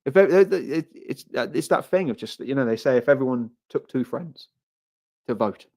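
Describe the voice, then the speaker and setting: A man's voice: mid-range voice, lively intonation, normal speed, a little mellow. A man hosting a live stream, rambling through casual commentary and reading viewer comments aloud, often repeating himself. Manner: rambling, repeats phrases, frequent restarts. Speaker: livestream host.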